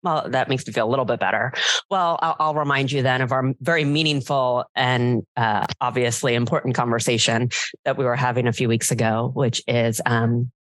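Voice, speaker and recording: A woman's voice: very deep voice, steady tone, fairly quick, no room sound. A woman psychologist, a podcast guest, chatting casually with a playful, teasing manner.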